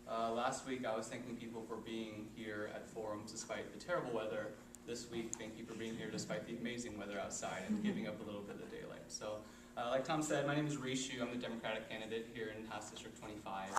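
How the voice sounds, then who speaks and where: Fast-talking young man in an echoey hall. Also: fairly low pitch, steady tone. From Missouri, USA. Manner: quick, casual, with many fillers. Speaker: political candidate. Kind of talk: campaign opening statement. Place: meeting chamber. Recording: echoey hall, far off mic, noisy.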